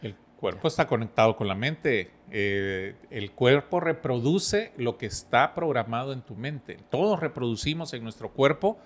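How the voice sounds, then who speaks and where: Calm man telling stories. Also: mid-range voice. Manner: storytelling, explains with analogies, calm and measured. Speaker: podcast guest speaker. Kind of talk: relaxed podcast conversation.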